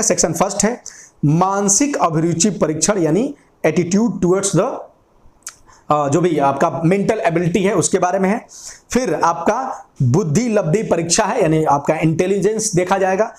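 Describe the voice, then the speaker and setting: A high-pitched young man gives an exam-prep lecture at a whiteboard. He works through each point by asking his own questions, answering them, and repeating the key lines. The classroom sound is echoey and roomy. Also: lively intonation, normal speed, a little mellow. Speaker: exam coaching teacher.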